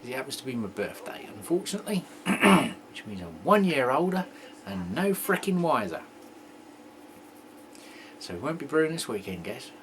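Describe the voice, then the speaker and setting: Casting: man, homebrew vlogger, rambling and jokey, mid-pitched voice, faint hiss behind. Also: very animated, normal speed, long pauses, a bit bright. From England. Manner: rambling, joking, throat-clearing. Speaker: homebrew video host. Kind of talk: casual homebrew tasting chat.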